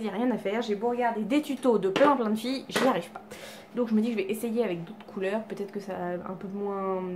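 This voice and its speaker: Background noise runs under this beauty vlogger's medium-pitched voice as she talks to camera at home, cats nearby. She chats about her makeup haul casually, laughing at herself and peppering her speech with fillers and restarts.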